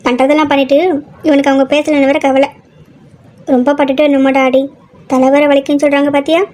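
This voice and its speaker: A woman's voice: high voice, flat delivery, quick pace, a little mellow, natural voice. A woman voicing a bossy but caring young woman in a fan audio drama, scolding and fussing.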